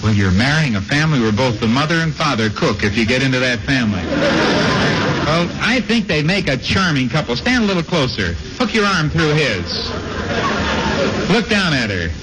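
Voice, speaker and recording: A jovial, teasing middle-aged man hosting a radio game show, giving quick stage directions, heard from an old broadcast transcription disc. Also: mid-range voice, big pitch swings. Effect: played from an old broadcast transcription disc. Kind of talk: playful radio show banter before a live audience. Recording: loud surface noise of an old transcription disc.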